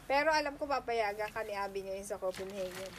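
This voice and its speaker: A woman's voice: medium pitch, brisk. A woman teasing bluntly in casual banter among friends. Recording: noisy casual recording.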